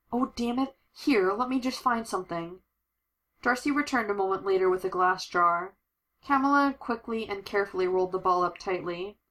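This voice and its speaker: A woman reading a superhero story aloud, giving the characters lively voices. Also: mid-range voice, low-quality recording. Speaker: audiobook narrator.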